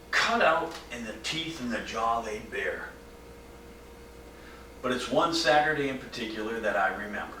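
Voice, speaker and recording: A brooding, haunted man, played by an actor speaks a dramatic monologue, his measured, hushed delivery breaking into urgent bursts. His voice is bright and swings widely in pitch. He is recorded at some distance from the mic in an echoey room. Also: a little hiss or hum. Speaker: stage actor. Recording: roomy echo from mic distance.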